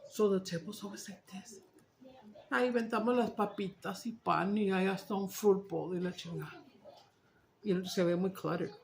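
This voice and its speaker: A woman with a Chicano English accent and a gravelly, fry-edged voice talks casually to viewers. She rambles frankly, swears, and switches between English and Spanish. There is faint noise behind her. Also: mid-range voice, fairly even intonation, moderate pace. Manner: rambling, candid, profane. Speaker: mukbang vlogger. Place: small dining and living room at home.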